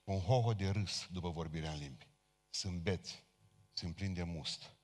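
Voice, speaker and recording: A man preaching a sermon as a Pentecostal pastor, speaking fervently and addressing his congregation directly. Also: deep voice. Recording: long hall reverb.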